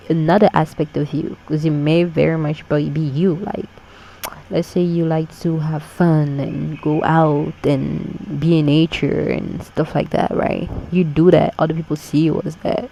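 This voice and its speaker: A relaxed tarot reader talks through a monthly reading in a loose, conversational way, checking in with "okay?" and "you know" as they go. The voice is gravelly and mellow, with a faint hiss of background noise. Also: medium pitch, highs cut off. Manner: relaxed, unhurried, repeats key phrases.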